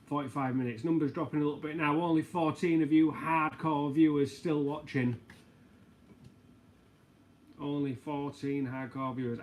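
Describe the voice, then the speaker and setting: A man's voice: medium pitch, a little mellow. A man hosting a casual livestream, rambling, joking and reading out viewer comments. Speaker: livestream host. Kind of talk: casual live chat.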